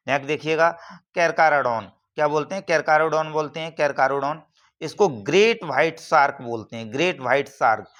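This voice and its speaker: A man's voice: a little high, fairly bright tone. A man teaching biology for exam prep over slides, repeating each term and quizzing listeners as he goes. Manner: repeats terms and asks the class questions; frequent "theek hai na" checks.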